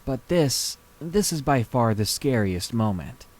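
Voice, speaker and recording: A man's voice: mid-range voice, big pitch swings, a little mellow. Man reading a scary story dramatically. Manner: slow, dramatic storytelling delivery. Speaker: story reader.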